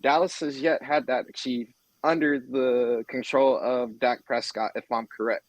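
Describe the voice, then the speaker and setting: A man's voice: medium pitch, steady tone, unhurried, no echo, poor audio. A man on a casual sports podcast, mockingly arguing against a viewer's take. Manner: mocking, argumentative. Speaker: podcast co-host.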